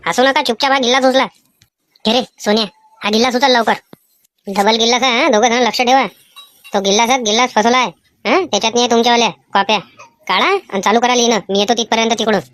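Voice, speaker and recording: A woman's voice: on the high side, fairly even intonation, fast talker, a bit bright, dry recording, close to an everyday voice. A woman voicing a cheeky schoolboy trying to cheat on an exam, pleading and whining in a Vidarbha Marathi accent. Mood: mischievous. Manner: whiny, pleading, mischievous. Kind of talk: animated cartoon voice acting.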